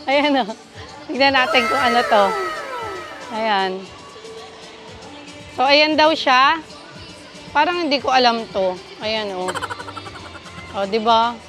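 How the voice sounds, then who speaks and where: A woman narrating a casual travel vlog while walking through an indoor theme park, exclaiming excitedly to her viewers as she films on a handheld phone. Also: sits high. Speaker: vlogger.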